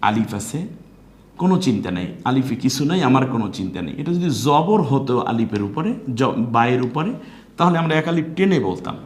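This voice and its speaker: A man's voice: medium pitch, sing-song, roomy sound. A man teaching Quran recitation step by step, spelling out syllables and explaining pronunciation rules. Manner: spells out syllables slowly, then chants verses drawn out.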